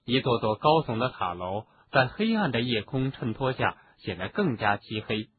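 A man narrating an audiobook in an expressive storytelling manner. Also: mid-range voice, normal speed, slightly rough, dry recording. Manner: expressive, doing voices for each character. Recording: narrow phone-like sound, faint hiss.

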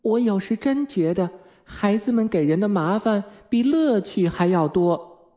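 Bossy motherly girl, as a male storyteller puts her on, high piping voice, fussy scolding, storybook reading. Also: lively intonation, a little slow, dark tone. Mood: exasperated.

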